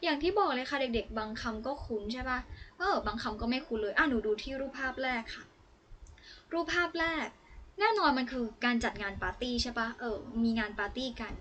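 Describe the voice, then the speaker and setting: A woman's voice: sits high, animated, a little fast, a little hiss or hum. Young woman teaching young children. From Thailand. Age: young adult. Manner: chatty, coaxing, encouraging, with warm asides to the children. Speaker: student teacher. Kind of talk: online English lesson for young children.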